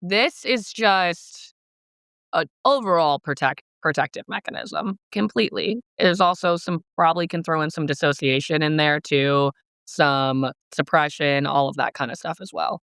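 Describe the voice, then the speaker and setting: A woman's voice: sits low, moderate pace, fairly bright tone, clean tone, no room sound, studio quality. A woman in her twenties co-hosting a podcast, thinking aloud in long, winding, reflective sentences. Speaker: podcast co-host. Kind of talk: casual podcast chat.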